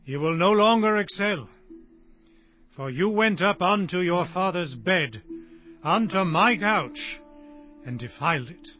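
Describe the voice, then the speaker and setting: Muffled, lo-fi audio captures a very slow, solemn declamation from an old, frail Hebrew patriarch blessing his sons in a scripture drama. For a man his voice is fairly high, and he pronounces each word with grand deliberation while music plays quietly underneath.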